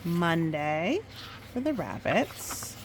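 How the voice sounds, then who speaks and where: A woman with a lowish voice reads a children's story aloud in storytime fashion, against a noisy background. She's expressive and stops to chat about the pictures.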